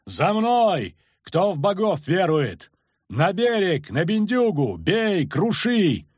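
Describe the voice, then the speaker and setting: A man's voice: high voice, very animated, takes it slowly, slightly rough, dry recording, clean studio sound, voice pushed up, full character voice. A man voicing a young male knight who barks orders and roars curses at fleeing soldiers, in an audiobook. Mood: roaring. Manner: barking orders, roaring curses.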